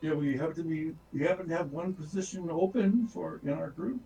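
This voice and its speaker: A mellow, slightly higher-voiced man chats casually as a tabletop game player. He sounds roomy and off from the microphone. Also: fairly quick, gravelly, soft background music. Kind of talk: casual chat. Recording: roomy echo, distant from microphone.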